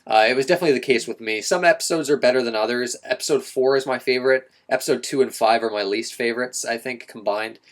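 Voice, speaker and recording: Talking fast with few pauses, a young man rambles through an unscripted game review in a typical middle male pitch. He trips over himself a lot, restarting sentences and filling gaps with plenty of filler words.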